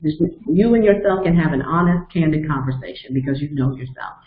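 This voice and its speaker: With a deep voice and a brisk delivery, a coach in her fifties runs a motivational webinar, laying out steps one at a time and earnestly recounting her own experiences. The recording sounds echoey and restricted, like it came through a phone.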